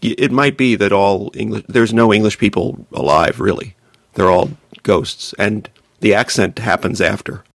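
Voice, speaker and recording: A man with a low, gravelly, husky voice trading dry jokes in casual talk. The sound is close and dry. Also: normal speed, no room sound. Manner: dry joking. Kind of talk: casual film discussion.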